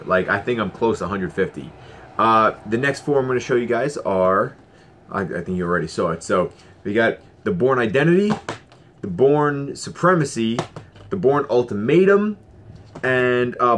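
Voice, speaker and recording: A man's voice: lowish voice, fairly bright tone, slight background noise. A man casually vlogging about his Blu-ray collection, enthusiastic and rambling with fillers and restarts. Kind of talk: casual collection haul vlog.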